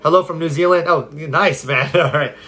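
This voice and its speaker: Upbeat man, slightly high voice. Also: moderate pace, a bit bright, a little hiss or hum. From California. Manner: upbeat, conversational, reads viewer comments aloud. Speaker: self-help coach. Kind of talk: casual live-stream Q&A. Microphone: phone.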